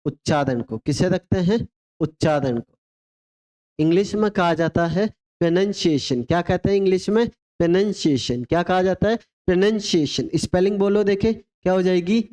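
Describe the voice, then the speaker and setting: Man drilling vocabulary in a mellow voice. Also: high-pitched, normal speed. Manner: call-and-response drilling, spells words letter by letter; asks rhetorical questions then answers them. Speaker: English teacher. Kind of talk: exam vocabulary lesson.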